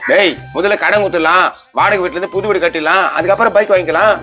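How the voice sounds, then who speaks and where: Brash, scheming husband, played by a man, quick and high-pitched over music. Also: close to an everyday voice. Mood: bossy. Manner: brash, bossy. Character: loud scheming jobless husband and father. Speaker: comic actor. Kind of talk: comedy skit acting. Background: background music.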